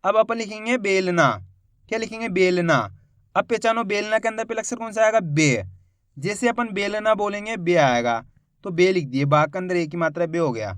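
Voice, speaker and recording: A man teaching a Hindi spelling lesson, sounding out each syllable slowly and asking his viewers repeated teaching questions. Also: high-pitched, fairly bright tone, clean tone, dry recording. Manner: addresses viewers as friends.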